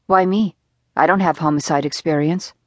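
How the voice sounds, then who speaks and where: A woman voicing a bold, blunt young female FBI agent who talks in a brisk, offhand way. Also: sits low, steady tone, no echo, clean studio sound.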